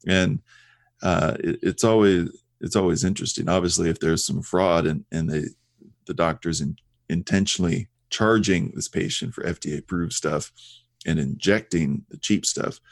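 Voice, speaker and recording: Give me a low-pitched man co-hosting a talk show in a loose, meandering way, recorded dry and close. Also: steady tone, normal speed, creaky, no echo. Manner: rambling, frequent fillers and restarts. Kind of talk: casual conversational discussion.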